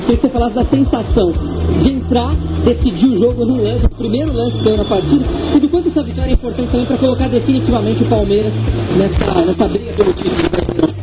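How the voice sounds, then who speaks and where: A man's voice: extremely high pitch, quick pace. A man with a Brazilian accent asking post-match interview questions as a field reporter. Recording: muffled radio sound over music.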